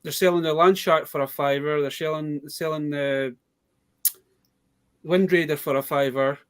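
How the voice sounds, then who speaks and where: A man's voice: a little high, fairly even intonation, normal speed, fairly bright tone, smooth. A man with a British accent chatting casually about toy bargains in a rambling, storytelling way. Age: adult. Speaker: toy collector guest. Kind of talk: casual live chat.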